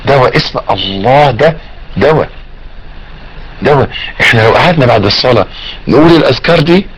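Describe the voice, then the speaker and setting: Egyptian preacher with soft drawn-out repetition. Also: male voice, mid-range voice, lively intonation, husky, rough recording. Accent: Egyptian Arabic. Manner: drawn-out, soft repeated remembrance phrases and rising emphatic exhortation. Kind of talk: sermon.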